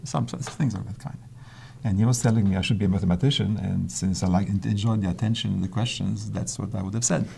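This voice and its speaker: Recalling his early life in an interview, an older Polish man whose native tongue is Polish speaks hesitantly with frequent restarts. He talks fast in a low, dark voice with vocal fry and fairly even intonation. There is a little hiss or hum.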